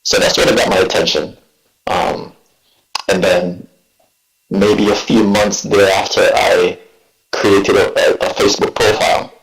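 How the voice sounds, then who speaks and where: A man in his forties from Jamaica, speaking with a Jamaican accent, telling his story as a guest poet in a reflective, halting way. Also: on the low side, level tone, vocal fry. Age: 40s. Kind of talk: relaxed interview talk. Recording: echoey room.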